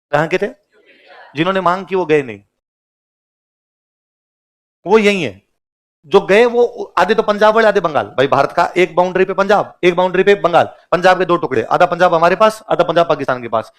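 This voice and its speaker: A male history teacher giving a classroom lecture who keeps quizzing his class with repeated questions and acts out quoted speech. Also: on the high side. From Rajasthan, India.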